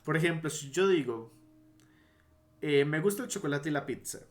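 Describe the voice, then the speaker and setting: A man's voice: fairly high pitch, animated. Man teaching logic in a casual lecture. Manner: explanatory, pauses to restate and correct himself.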